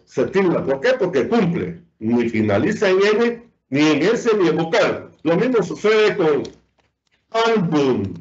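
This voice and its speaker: This is a dull, lo-fi recording of a virtual spelling lesson, captured on a computer mic during a video call. The male teacher's voice is fairly high and somewhat dark. He quizzes himself and supplies the answers, lingering on example words.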